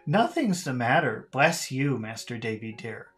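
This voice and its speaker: A man's voice: mid-range voice, animated, unhurried, a bit bright, soft background music. A man reading an audiobook, voicing a kindly, flustered female servant in a raised, breathless, emphatic voice. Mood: anxious, coaxing.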